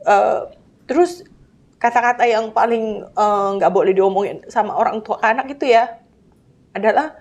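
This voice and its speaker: A woman's voice: a little high, moderate pace, darkish tone. A woman, casually telling a personal story and acting out dialogue with her child.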